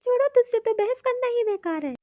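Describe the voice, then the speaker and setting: A woman's voice: extremely high pitch, normal speed, phone-quality sound. A woman voicing a fussy, busy older mother-in-law who scolds and complains in a cartoon. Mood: scolding.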